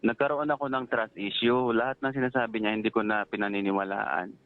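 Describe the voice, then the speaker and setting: A man's voice: fairly low pitch, little pitch movement, slight background noise. Male caller on a tinny phone line. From Philippines. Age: 30s. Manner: rambling, halting retelling with many fillers. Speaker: caller, security guard. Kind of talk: phone-in advice call.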